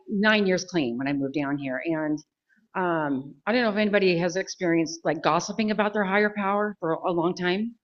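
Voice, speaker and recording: A woman giving a candid, halting tribute at a memorial recovery meeting, joking at her own expense. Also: on the low side, lo-fi sound. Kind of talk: personal tribute speech.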